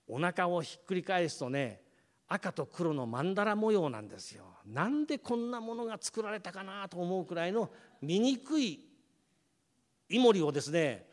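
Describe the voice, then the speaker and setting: A man delivers a sermon in a high, animated voice that swings widely in pitch. He tells stories vividly, acting out the words of the people in them, and speaks straight to the congregation. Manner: storytelling, acts out family members' words; addresses congregation directly. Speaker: pastor. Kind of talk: sermon with personal anecdote.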